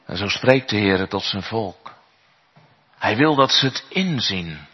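A man's voice: lowish voice, expressive, slow, husky. A man preaching a sermon as a pastor, earnest and full of rhetorical questions, in a church. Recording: echoey hall, dull sound.

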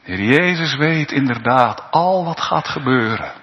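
Man, pastor, sermon, slow, lively pitch, echoing church. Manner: slow, earnest preaching with rising pleading climaxes. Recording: long reverb, dull sound in a church.

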